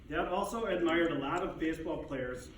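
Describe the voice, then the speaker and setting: A man's voice: on the high side, a little fast. A man delivers a prepared eulogy as a son, with dignified, restrained grief and wry, fond humor. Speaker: son giving a eulogy for his father. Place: echoey room, speaking to a gathering. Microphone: distant microphone. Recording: echoey, distant, noisy room recording.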